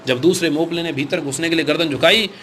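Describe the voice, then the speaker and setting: A man narrates an audiobook in a steady, formal reading style. His voice sits a little high for a man. Faint noise lies under the recording. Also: quick pace.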